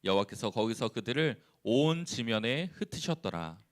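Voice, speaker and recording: A man who is a church evangelist, leading a responsive scripture reading and then preaching calmly with frequent hesitations. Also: medium pitch. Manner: calm, unhurried, with frequent hesitations.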